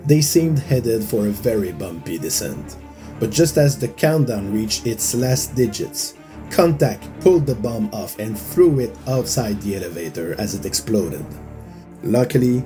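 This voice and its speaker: A man whose first language is not English, narrating a tabletop game session recap as game master, in a measured storytelling manner. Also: lowish voice.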